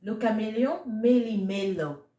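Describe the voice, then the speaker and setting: A children's storybook reader with a fairly high yet dark-toned voice reads a picture book aloud at an unhurried pace. She is expressive and speaks to her young listeners as friends. The recording sounds roomy and echoey.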